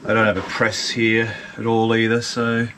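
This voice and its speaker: A man's voice: lowish voice, completely flat delivery, normal speed. A middle-aged man giving casual, hands-on repair commentary in a wry, understated, self-deprecating way. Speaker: host, DIY outboard mechanic. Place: open-sided cluttered workshop. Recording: noisy workshop audio with clicks and clanks.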